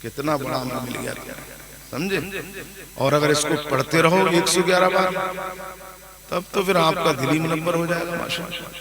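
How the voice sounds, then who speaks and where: A man's voice: fairly high pitch, fairly even intonation, moderate pace, pauses often, over a noisy crowd. A male Islamic preacher from India telling a story in a sermon, chatting with his listeners and checking they follow, then swelling to emphatic raised calls. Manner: conversational, keeps checking the audience understands; swings between hushed asides and raised, emphatic calls. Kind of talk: storytelling sermon at a religious gathering. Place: large religious gathering with a crowd.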